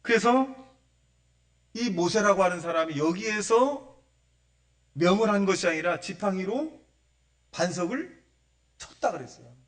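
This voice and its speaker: A male pastor giving a Sunday sermon, acting out the voices he quotes and swinging between loud bursts and hushed asides. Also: sits high, animated, measured pace, long pauses, far from the mic. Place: church sanctuary.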